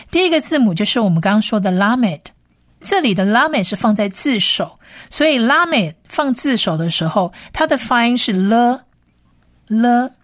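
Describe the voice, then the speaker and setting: A woman teaching a language lesson on air, patiently spelling out sounds and repeating each word slowly. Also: mid-range voice, dry recording, studio quality.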